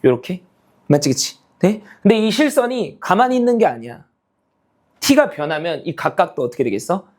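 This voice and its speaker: Animated male math teacher, tag questions. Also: sits high, normal speed. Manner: constantly checks understanding with tag questions; calls himself teacher, half-casual speech. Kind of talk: online math lecture.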